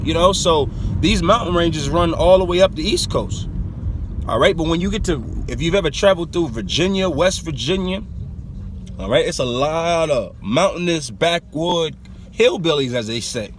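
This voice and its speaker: A man preaching informally off the cuff in a rambling, profane way, often tagging his phrases with a questioning check. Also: a little high. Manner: rambling, profane, frequent "all right?" tags. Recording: loud car and street noise.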